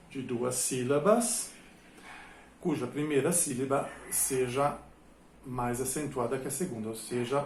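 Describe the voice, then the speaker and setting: Male music educator, inland São Paulo accent, patient explainer, echoey room, light background noise. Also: mid-range voice. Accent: São Paulo interior, retroflex R. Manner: explains methodically with frequent filler "é". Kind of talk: explanatory lecture.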